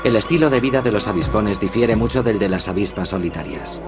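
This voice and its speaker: Male nature documentary narrator, lowish register, measured and explanatory, music playing underneath. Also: expressive.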